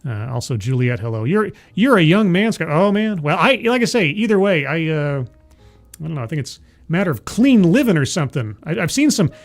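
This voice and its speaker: This forty-something livestream host has a slightly high voice with big swings in pitch and a fairly quick pace. He rambles in a casual chat with his viewers and live chat, laughing often at his own expense, over soft background music.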